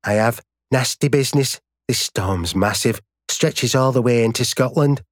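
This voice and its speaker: A man doing a brisk older Yorkshire landlady. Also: mid-range voice, dry recording, studio quality, voice pushed up, lightly acted.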